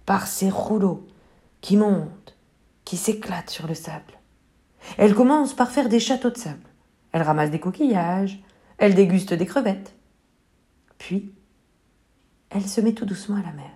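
A woman tells a children's story aloud in an expressive storytelling voice. She builds suspense with dramatic pauses and lively emphasis. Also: mid-range voice. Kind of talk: reading a children's picture book aloud.

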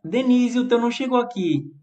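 A man's voice: extremely high pitch, normal speed, darkish tone. A man with a Brazilian Portuguese accent, an English teacher giving a chatty live-streamed lesson and answering viewers by name. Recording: roomy echo.

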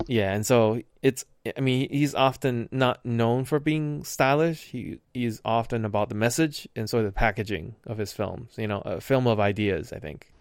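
A man's voice: medium pitch, moderate pace, hardly any pauses, clear, resonant tone, dry recording, studio quality. A man in casual chat about a film, thoughtful and searching for words with frequent fillers. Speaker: podcast co-host discussing a film.

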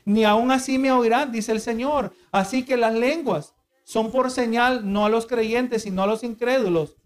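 Unhurried and very high-pitched, this man's voice carries an earnest, explanatory sermon. Again and again he asks the congregation whether they agree, restarting his lines repeatedly.

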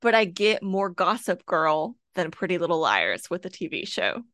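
A woman's voice: lowish voice, sing-song, normal speed, fairly bright tone, no echo. Brief: woman podcast co-host, casual book chat, dry close sound. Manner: chatty, lots of "like" and "kinda". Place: home, with her cat nearby.

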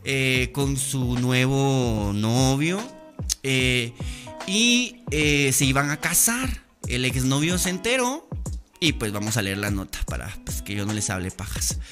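A man's voice: medium pitch, takes it slowly, faint music behind. A young Guatemalan man hosting a podcast, telling stories in casual, slangy, playful chat. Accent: Guatemalan Spanish. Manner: animated, slangy, playful storytelling. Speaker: podcast host.

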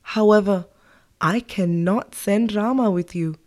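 A woman's voice: mid-range voice, unhurried, a little mellow, natural voice. Woman doing a pleading, worried king. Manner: earnest, pleading. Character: anxious middle-aged male king, pleading father.

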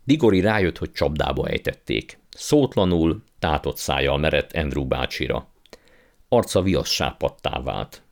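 A man narrating a children's novel in a steady storytelling manner. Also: very deep voice. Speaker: audiobook narrator. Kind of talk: scripted narration.

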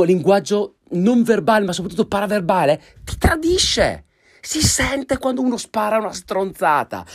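Hoarse, animated Italian man storytelling. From Italy. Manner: animated, swooping pitch, emphatic. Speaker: vlogger telling a story. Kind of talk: storytelling monologue.

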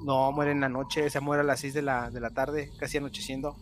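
A man with a Mexican accent telling a spooky story in casual, slangy chat, acting out shouts as he goes. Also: mid-range voice, a little fast, a crowd in the background. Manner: animated, slangy, mimics shouts while telling a tale.

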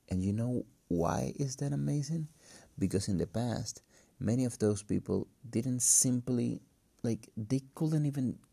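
Low, creaky, cracking-voiced man, non-native English. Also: dark tone, no room sound. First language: not English. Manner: halting, hesitant, thinking aloud. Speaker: podcast host. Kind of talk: casual solo podcast monologue. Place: empty room. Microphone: phone.

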